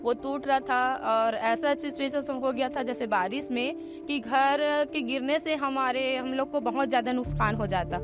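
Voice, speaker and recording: A woman's voice: high-pitched, moderate pace. A woman from a district in central India, speaking hesitantly with fillers as a resident in a vox-pop testimonial. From Durg district, Chhattisgarh, India. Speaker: resident interviewee. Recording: music bed under the voice.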